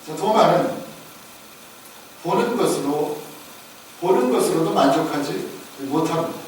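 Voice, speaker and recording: A man's voice: on the high side, animated, unhurried. A male pastor preaching a sermon, often asking the congregation questions and acting out the lines of the disciples. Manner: asks the congregation questions and acts out disciples' voices. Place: church sanctuary. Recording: echoey church recording from far off, faint noise.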